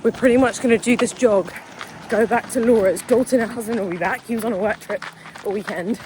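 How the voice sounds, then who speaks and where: A woman's voice: fairly high pitch, a little fast, background noise. Chatty woman vlogging. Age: 30s. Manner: chatty, swears freely, laughs often. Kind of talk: casual vlog talk to camera.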